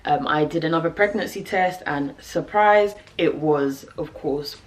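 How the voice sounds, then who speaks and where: A young British woman telling a personal story to camera, animated and laughing, with lots of fillers. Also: low voice, a little slow. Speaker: vlogger.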